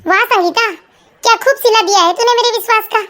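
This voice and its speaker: A woman voicing a cartoon mother-in-law who scolds dramatically, in a very high cartoonish voice. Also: fast, a bit bright. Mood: scolding. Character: stern then remorseful mother-in-law.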